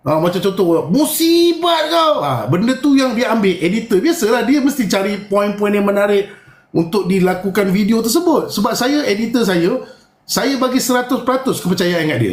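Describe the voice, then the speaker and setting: A man's voice: sits high, a little mellow, echoey room. A man with a Malaysian Malay accent hosting a casual live stream, talking bluntly and firmly and mimicking others. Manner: blunt and self-described firm, mimics people. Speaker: live-stream host sharing experiences.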